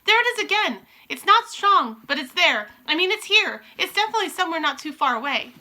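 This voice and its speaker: A woman reading aloud, voicing a tall witch who excitedly shouts that she smells something. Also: sits high, fairly quick, pitched above the performer's own voice. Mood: alarmed. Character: tall female witch sniffing anxiously.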